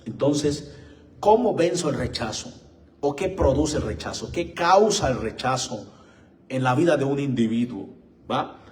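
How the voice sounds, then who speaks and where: A man preaching a live-streamed sermon, slow and emphatic, his voice swelling as he reads scripture and repeatedly addressing listeners as brothers and friends. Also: mid-range voice, animated, a little mellow. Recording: echoey room, mic far off.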